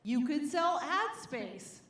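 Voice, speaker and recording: A woman in middle age works a stand-up set from a stage, her voice sitting high. She lands jokes with a wry, punchy delivery and stretches the punchlines out slowly. The live room adds a roomy echo around her mic. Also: big pitch swings, fairly bright tone, slight background noise. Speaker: stand-up comedian. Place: comedy stage before a live audience.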